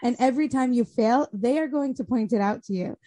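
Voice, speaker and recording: A woman's voice: a little high, fairly quick, mellow, dry recording. A woman host chatting casually and earnestly with her guest. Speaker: podcast host. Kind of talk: casual interview chat.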